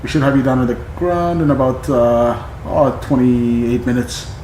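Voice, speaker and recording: A man playing an airline captain on a cockpit headset, reading back clearances and making calm, procedural cabin announcements. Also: mid-range voice, moderate pace, roomy sound, a little hiss or hum, poor audio. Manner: calm, procedural pilot phrasing. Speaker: flight sim streamer playing airline captain. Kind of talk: role-play radio calls and cabin announcements.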